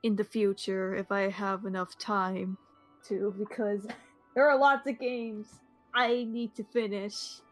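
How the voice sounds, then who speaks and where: A woman's voice: medium pitch, fairly even intonation, slow, soft background music, low-quality recording. A woman co-hosting a podcast, giving brief, upbeat replies. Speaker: podcast co-host. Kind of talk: casual podcast chat.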